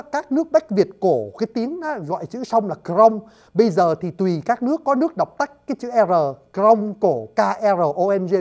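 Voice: medium pitch, darkish tone. Casual lecturer, talks straight to listeners, spells words out. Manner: addresses listeners often, spells words letter by letter. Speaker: lecturer on word origins.

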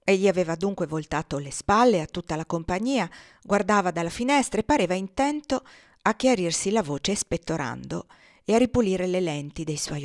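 A woman narrating a classic novel as an audiobook, in a calm, even reading voice. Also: medium pitch, no echo, clean studio sound. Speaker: audiobook reader.

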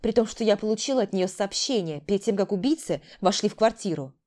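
A woman's voice: mid-range voice, expressive, fast, dark tone, lightly acted. Woman doing a stern, commanding older sister. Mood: angry. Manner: commanding, interrogating.

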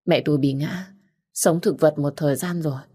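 A woman's voice: deep voice, fairly even intonation, normal speed, warm tone, husky. A woman voicing an anxious young son who speaks in a pleading, emotional way in an audiobook. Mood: urgent. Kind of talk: audiobook character reading.

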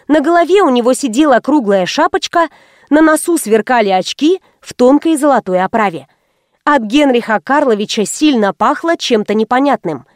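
A woman narrating an audiobook in the first person with wry, lively storytelling. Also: fairly high pitch, no room sound, clean studio sound.

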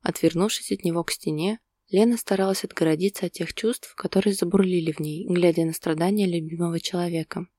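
A woman narrating a romantic story in a calm, even manner. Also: on the low side, brisk, hardly any pauses, dry recording, clean studio sound.

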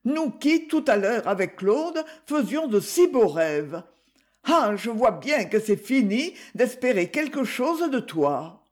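A man's voice: extremely high pitch, big pitch swings, slow pace, voice pushed up, exaggerated voice. A man reading aloud voices a distressed young woman confronting her father, in a raised pleading voice. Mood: indignant.

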